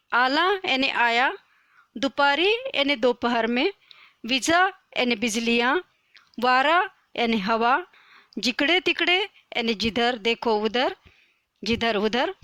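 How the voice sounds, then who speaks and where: A woman's voice: sits high, pushed and bright, no echo. A woman teacher, patiently explaining a poem to children.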